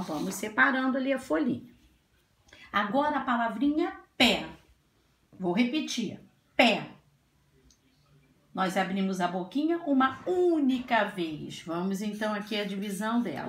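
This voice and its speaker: A woman teacher going through a grammar worksheet for young children, speaking slowly and gently and drawing out each word. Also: mid-range voice, a little hiss or hum. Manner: slow, drawn-out, gentle teacher talk with diminutives. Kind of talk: slow grammar lesson for children. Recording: echoey room.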